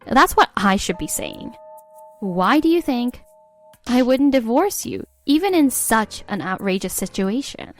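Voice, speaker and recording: Speaking a little slowly but very animatedly, in a fairly high voice, an actress narrates a scripted tale as a fed-up young wife. Her tone is sarcastic and exasperated, and faint music sits behind her.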